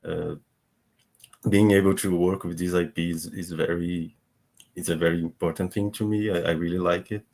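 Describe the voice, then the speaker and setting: A man speaking as a game developer on a livestream panel, halting and often repeating words as he begins. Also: low-pitched, flat delivery, gravelly, a little mellow.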